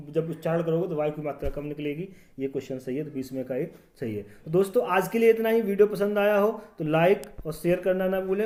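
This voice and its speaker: A male teacher going through exam-prep quiz questions, repeating each question and checking in with the viewer, his sentences often trailing off quieter. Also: a little high. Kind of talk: quiz walkthrough, explaining answers.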